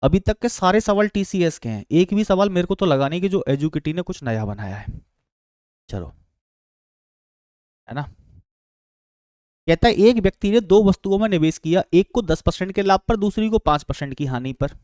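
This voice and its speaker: A man's voice: high-pitched, animated, moderate pace, pauses often, darkish tone, no room sound, studio quality. A man teaching exam-prep maths, calling his students beta and friends and asking and answering his own questions.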